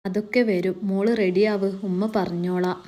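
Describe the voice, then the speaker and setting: A woman voicing a gentle, caring mother-in-law who speaks softly and reassuringly, in a storytelling reading. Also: medium pitch, steady tone, normal speed, close to an everyday voice. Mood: soothing. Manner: soft, reassuring.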